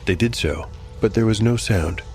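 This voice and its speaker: Over faint music, a game master with a very low voice tells a fantasy tale at normal speed. He delivers it in a scripted, dramatic way.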